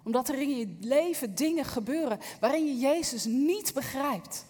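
A woman's voice: high voice, animated, moderate pace, a little mellow, long reverb tail. A woman giving an earnest, reflective sermon, speaking straight to the listener and reading a Bible passage aloud. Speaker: preacher.

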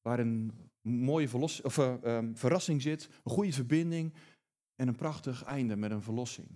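A man's voice: medium pitch, normal speed, mellow. A man preaching a sermon, emphatic and often repeating words as he builds his points.

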